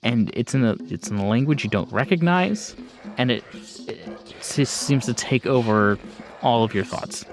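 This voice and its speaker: A man with a medium-pitched voice acts as game master, improvising horror narration conversationally, with pauses and sudden bursts.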